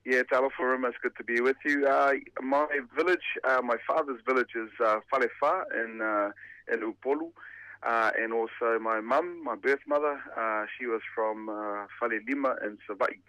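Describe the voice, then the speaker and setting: A man's voice: mid-range voice, normal speed, sharp tone, dry recording, rough recording. A man in his forties, born and raised in New Zealand, a pastor answering radio interview questions thoughtfully with many fillers and restarts. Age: 40s. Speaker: pastor and former rugby player.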